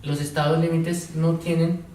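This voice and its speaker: A man's voice: fairly high pitch, flat delivery, moderate pace, mellow. A man gives a psychology lecture to a class, asking questions and going through examples one step at a time. He sounds far from the mic, and the room rings with heavy echo. A faint hiss sits under the voice. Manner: asks the class questions and repeats their answers; tells examples step by step, now and then playing a teacher or patient.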